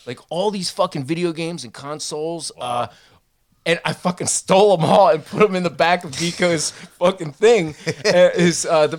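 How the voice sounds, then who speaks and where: Animated man telling stories. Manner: animated, swearing, mimics others in a higher voice. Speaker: podcast co-host. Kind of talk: casual storytelling chat.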